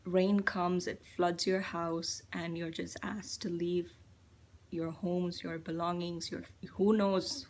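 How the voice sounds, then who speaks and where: A young woman from India shares her thoughts in a loose, reflective vlog monologue. Her voice sits low with a gravelly fry and stays flat in pitch. She talks hesitantly, leaning on plenty of fillers. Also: slow pace. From Chennai, India. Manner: musing, hesitant, full of fillers. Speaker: vlogger.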